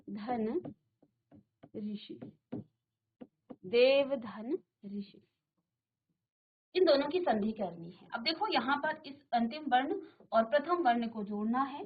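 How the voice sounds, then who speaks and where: A woman's voice: a little high, breathy edge, narrow, tinny audio. A woman teacher giving a classroom grammar lesson, repeating terms and asking the class questions, in a virtual classroom studio.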